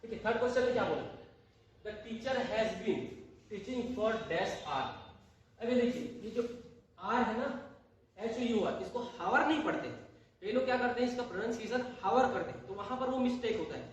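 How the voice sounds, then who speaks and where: A high-voiced man teaches a grammar lesson, asking questions of the class and repeating each point. He is heard from across an echoing room, with faint noise behind him. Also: expressive, fast. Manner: repeats and asks rhetorical questions. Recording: echoey room, voice from far off.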